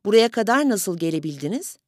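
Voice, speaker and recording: A woman voicing a suspicious, sharp-tongued mother who answers in curt, cold, clipped lines. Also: mid-range voice, sing-song, brisk, dry recording, clean studio sound.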